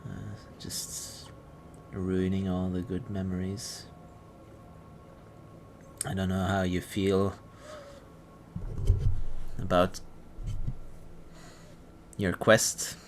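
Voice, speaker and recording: Man, game master, very deep voice, hesitant narration, audible background noise. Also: monotone, drawn-out words, pauses often. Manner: hesitant, many fillers and restarts.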